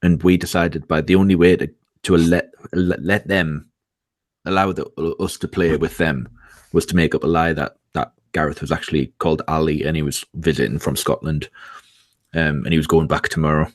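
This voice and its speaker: A man in his forties, co-hosting a casual podcast chat, telling rambling stories with halting restarts and frequent laughs. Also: extremely low pitch, steady tone, no room sound, studio quality. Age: 40s. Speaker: podcast co-host.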